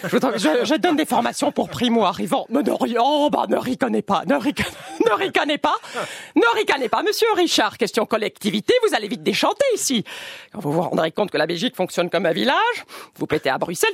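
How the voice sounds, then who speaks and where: A woman's voice: creaky, husky, dry recording, clean studio sound, full character voice. A woman voicing a snobbish, gushing rich French society lady with a French accent, in a radio comedy sketch. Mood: snooty. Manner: affected, gushing, swooping pitch. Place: radio studio.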